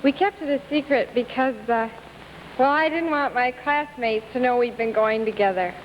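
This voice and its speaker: High-voiced young woman, 1950s contestant. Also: normal speed. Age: young adult. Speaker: game show contestant. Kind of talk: casual interview answers on a 1950s quiz show. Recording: muffled, noisy 1950s television broadcast.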